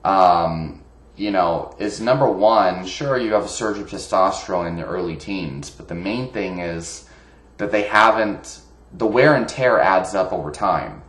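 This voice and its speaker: A man's voice: sits low, a little slow, fairly bright tone. A man talking casually about fitness in a rambling way, with many fillers and restarts. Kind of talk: casual monologue. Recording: echoey room.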